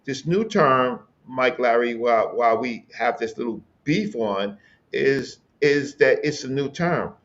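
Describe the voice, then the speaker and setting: A man in his late fifties from the Bronx with a mid-pitched voice, heard through slightly muffled, lo-fi audio. He talks haltingly and keeps restarting his sentences. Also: expressive, a bit bright. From the Bronx, New York. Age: 50s. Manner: halting, many filler sounds and restarts. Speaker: debater. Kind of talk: heated debate.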